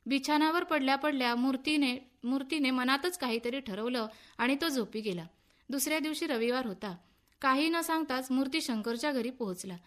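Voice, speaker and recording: Woman storyteller for radio, high voice, steady and expressive. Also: normal speed.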